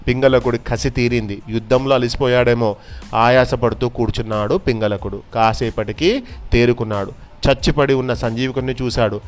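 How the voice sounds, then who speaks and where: A man's voice: medium pitch, steady tone, moderate pace, faint music behind. Man narrating a children's story.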